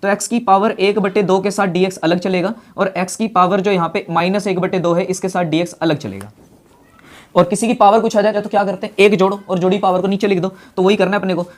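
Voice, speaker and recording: A man teaching a maths lesson. He asks questions aloud and answers them himself, repeats key steps, and calls his students brother in a friendly way. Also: high voice.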